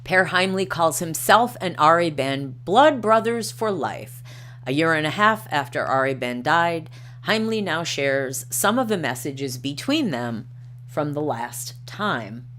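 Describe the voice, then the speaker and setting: A livestream host with an extremely low-pitched, somewhat bright voice chats casually and reads articles aloud, with slight background noise present. Her first language isn't Norwegian. She's hesitant, full of ums and uhs, and reads quotes out loud.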